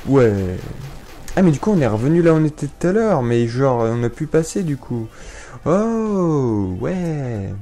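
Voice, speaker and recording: Lively young man narrating a game. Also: medium pitch. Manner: playful, repeats words, sudden excited outbursts. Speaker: gaming YouTuber. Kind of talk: casual let's-play commentary.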